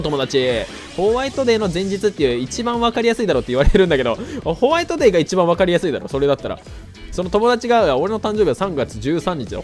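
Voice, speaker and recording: A man giving chatty, excitable gameplay commentary as a gaming YouTuber, his voice a little nasal and hoarse from a cold. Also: sits high. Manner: chatty, excitable, breaks into shouts while playing.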